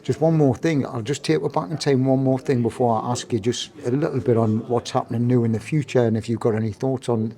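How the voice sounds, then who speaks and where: A Geordie man chats as an interviewer in a soft-edged, mellow voice. His questions are casual and roundabout, wandering before they land. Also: medium pitch.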